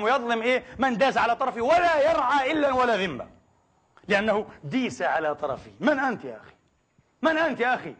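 A man's voice: sits high, a bit bright, breathy edge. A man preaching a sermon with passion and emphasis, firing off rhetorical questions. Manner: impassioned, emphatic, asks many rhetorical questions.

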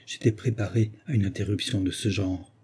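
A man reading an audiobook and voicing a composed military major who speaks low and hushed. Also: fairly even intonation, brisk, breathy edge.

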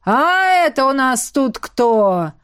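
A woman's voice: a little high, animated, moderate pace, no room sound, clean studio sound, close to an everyday voice. A woman voicing a sly, flamboyant male baron who drawls and teases. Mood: mocking. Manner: drawling, teasing.

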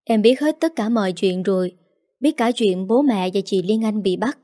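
A woman voicing a gentle young man, a tender younger brother who speaks softly with a choked, soothing manner. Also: medium pitch, moderate pace, natural voice. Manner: soft, soothing, choked with emotion.

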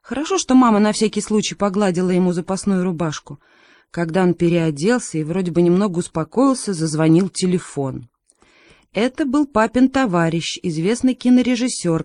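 Woman reading a storybook out loud, mellow, kinda wry, dead dry sound. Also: on the low side, animated, normal speed, no room sound. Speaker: narrator. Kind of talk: audiobook reading.

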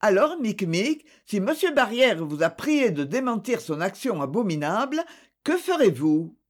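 A reader voicing a proud, sharp-tongued middle-aged woman who gives curt orders, in a French audiobook. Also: medium pitch, sing-song, measured pace. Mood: haughty. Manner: curt, commanding.

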